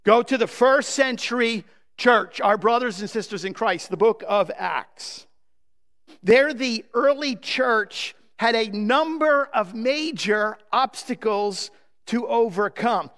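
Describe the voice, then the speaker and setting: A man preaching a sermon as pastor, emphatic and posing rhetorical questions to the congregation, often drawing phrases out slowly. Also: very high voice, a bit bright. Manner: emphatic, with slow drawn-out phrases. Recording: long reverb of a large hall.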